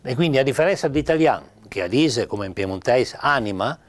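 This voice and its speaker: A man's voice: medium pitch, lively intonation. Older piedmontese guy teaching spelling, stops and starts a lot, voice goes up and down. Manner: halting, with many pauses and fillers. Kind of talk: informal spoken lesson.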